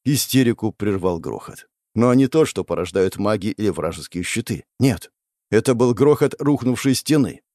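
Male audiobook narrator, dramatic fiction, very lively pitch, dry close sound. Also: moderate pace, dry recording. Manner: expressive storytelling, voicing the characters.

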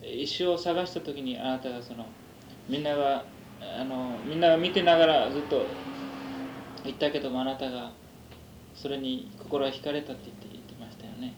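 A man conducting a conversational interview in a polite, hesitant way with halting phrasing. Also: mid-range voice. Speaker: interviewer, preacher. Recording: distant, echoey, noisy interview tape.

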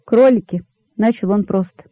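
A man narrates a storybook in a measured, expressive way. His voice sits fairly high for a man. The recording is dry and slightly muffled, like a lo-fi audiobook. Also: no room sound.

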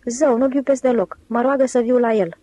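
A woman's voice: fairly high pitch, mellow, voice pushed up, close to an everyday voice. A woman voicing a sweet, teasing young woman in an audiobook, lifting her voice for the part. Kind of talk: audiobook character reading.

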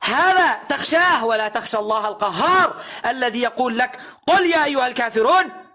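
Male preacher, very high bright voice, insistent and rhetorical. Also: lively intonation, fairly quick. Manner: insistent, rhetorical questioning, emphatic recitation. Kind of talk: recorded religious lesson.

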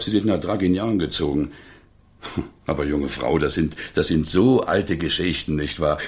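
In a radio play, a man voices a garrulous, earthy older innkeeper from the provinces, gossipy yet guarded. His heavily acted voice is low, gravelly and husky, and he chats and chuckles, tagging remarks with a questioning phrase.

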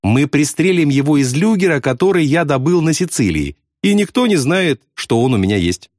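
A man voicing a panicky young male pilot who wails and pleads in a high, strained voice. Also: very animated, moderate pace, darkish tone, dry recording, clean studio sound. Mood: eager scheming. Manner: pleading, wailing, high-strung.

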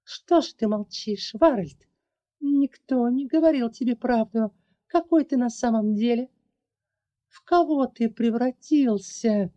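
A woman voicing a fierce young dragoness who defends orphans, accusing and high-strung. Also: unhurried, warm tone, muffled recording. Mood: furious. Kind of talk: audiobook character voice.

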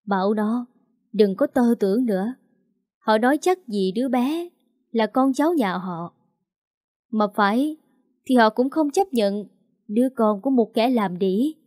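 A woman's voice: fairly high pitch, animated, measured pace, long pauses, darkish tone, no echo, studio quality. A woman voicing a frail older mother in a hospital bed who speaks weakly, choked and bitter.

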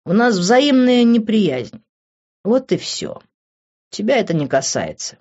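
A blunt, hot-tempered young man snaps out short, swearing lines, as a woman reads him in an audiobook. The voice sits at a middling pitch, and the recording sounds slightly muffled. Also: very animated, slow, warm tone. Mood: irritated.

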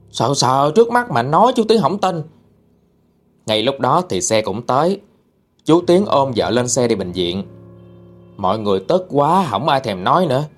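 A man narrating a ghost story, chatty and dramatic, talking straight to his listeners. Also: medium pitch.

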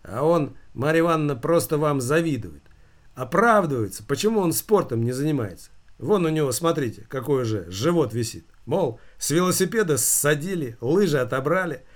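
Jovial teasing director, read by a man, raised pitch, hearty banter. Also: expressive, moderate pace, close to an everyday voice.

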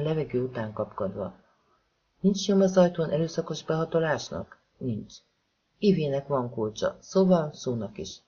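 A man narrating a thriller novel as an audiobook, reading calmly and evenly and giving the characters soft voices. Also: a little high. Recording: dull lo-fi audiobook recording.

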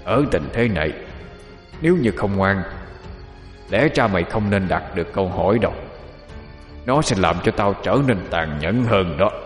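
A man voicing a gloating demon in a possessed body, gruff and hoarse, with slow, theatrical, taunting villain menace. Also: deep voice, lively intonation, roomy sound, big-room sound, faint music behind.

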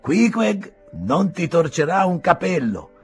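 A man doing a loud, grinning innkeeper. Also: fairly high pitch, big pitch swings, takes it slowly, soft background music, pitched above the performer's own voice. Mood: jovial.

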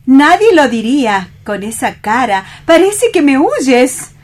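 A woman's voice: high-pitched, sing-song, slow pace, heavily acted. A woman reading the part of a playful, affectionate young woman in love in a radio play, with a Spanish accent from Spain and a lilting, teasing delivery. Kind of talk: read radio theatre.

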